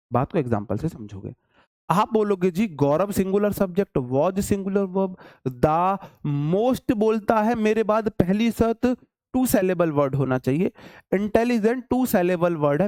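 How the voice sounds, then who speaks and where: A young male teacher explains grammar for exam students with a high, swooping voice. His tone is mellow and dry, and he repeats each point for emphasis, addressing his listeners as brother. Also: dry recording. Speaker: English teacher. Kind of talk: exam-prep grammar lesson.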